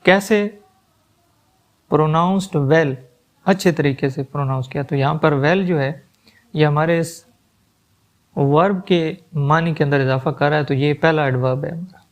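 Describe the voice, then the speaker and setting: A man with an Urdu-influenced accent teaching a grammar lesson, reading English example sentences very slowly and then explaining them. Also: a little high. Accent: Urdu-influenced Hindustani.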